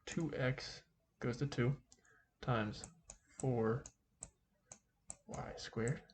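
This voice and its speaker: A man speaking through a face mask, giving an informal calculus lesson in a halting way, thinking aloud as he goes. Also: medium pitch, steady tone, darkish tone, slight background noise. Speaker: math teacher.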